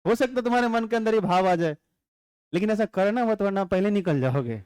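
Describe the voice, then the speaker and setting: A man teaching a physics class with a high, clean, ringing voice. He explains unhurriedly and chats with his students, dropping joking asides and constantly asking if they follow. The sound is close and dry, with no room around it. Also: lively intonation, a little fast, darkish tone, clean tone, no echo. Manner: chatty, joking asides, constant rhetorical check-ins. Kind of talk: classroom lecture.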